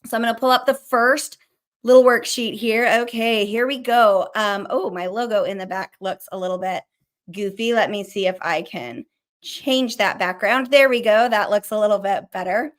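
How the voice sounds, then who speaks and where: Middle-aged female counselor host, quick chatty explainer with a casual tongue. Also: medium pitch. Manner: fast and chatty, swears casually. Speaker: licensed counselor hosting a mental health show. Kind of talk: casual teaching while sharing a screen.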